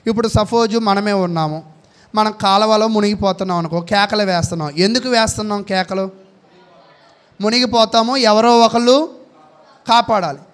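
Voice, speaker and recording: A man with a high voice preaches a sermon. He keeps asking his listeners questions and answering them himself. He stops now and then to read out Bible verses. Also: moderate pace, a bit bright, clean tone.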